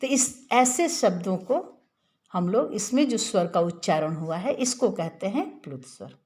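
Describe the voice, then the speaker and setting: Woman teacher, patient explainer, mid-pitched voice, steady classroom delivery. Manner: patient, drawn-out demonstration of vowel sounds. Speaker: Hindi grammar teacher. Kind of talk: classroom lesson explaining grammar.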